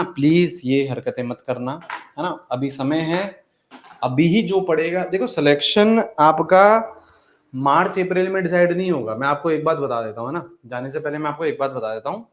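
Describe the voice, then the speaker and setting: A man's voice: medium pitch, normal speed, reverberant. A male teacher closing an online exam-prep class with an encouraging talk, repeating his points and calling students "beta".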